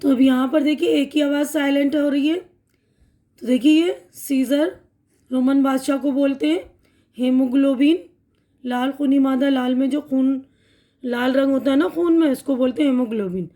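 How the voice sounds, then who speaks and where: A woman teaching an online spoken-English lesson, explaining words slowly and repeating each one, often checking in with her listeners. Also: high-pitched, fairly even intonation, warm tone. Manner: checks in with "theek hai na".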